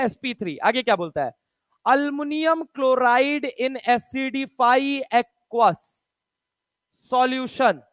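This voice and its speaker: A man with a very high-pitched voice teaches a chemistry lesson. He fires rapid questions at his students, counts atoms aloud and slips between Hindi and English textbook phrases with casual, chummy energy. The sound is dry and close, with no room around it. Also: fairly bright tone, dry recording. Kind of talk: online chemistry lecture.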